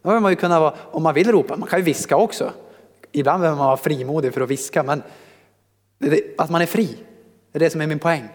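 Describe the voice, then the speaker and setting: A male preacher talks through a scripture passage in a relaxed, joking manner, addressing people in the room directly. His voice sits slightly high for a man. A long reverb trails off his words in the church hall. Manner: lively, conversational, jokes with congregation. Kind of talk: sermon.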